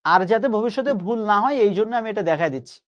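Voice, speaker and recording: A young man teaches a live online grammar class. He coaxes his students along and slows right down to repeat the key phrases for emphasis. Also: high voice, lively intonation, muffled recording.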